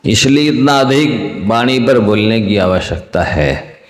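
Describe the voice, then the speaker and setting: Slow-speaking male preacher in echoey hall. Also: lowish voice, animated. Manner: slow, deliberate, repeats key phrases. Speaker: Jain monk preacher. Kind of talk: sermon. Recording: echoey hall with long reverb.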